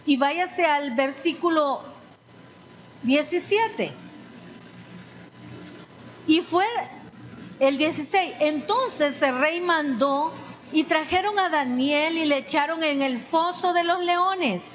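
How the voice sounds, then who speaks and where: A woman preaching a sermon, deliberate and emphatic, repeating exhortations. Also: sits high, muffled recording. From El Salvador.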